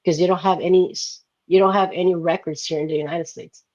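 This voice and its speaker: Sitting high with a darkish tone and fairly even intonation, this guest entrepreneur talks fairly quickly. The young Filipino man explains his interview answers casually, packing in fillers like "like" and "right?" checks; the audio is dull, without echo.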